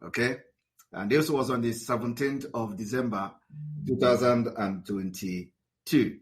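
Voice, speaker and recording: With faint music in the background, a man speaks unhurriedly in a mid-range voice. He is addressing his followers on a livestream, switching between English and Igbo. He sounds combative and often stumbles over repeated words and fillers.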